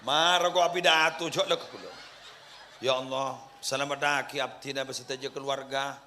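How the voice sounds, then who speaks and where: Bright-voiced joking male preacher. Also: mid-range voice, steady tone, moderate pace, slight background noise. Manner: jokes with the crowd and leads prayers aloud. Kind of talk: humorous religious lecture with prayers.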